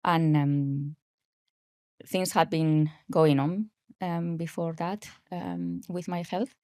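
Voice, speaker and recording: With a deep, slightly mellow voice and a Spanish accent, a podcast guest in her forties, a health coach raised in Spain, talks casually and hesitantly, using many fillers. The recording is dry and of studio quality.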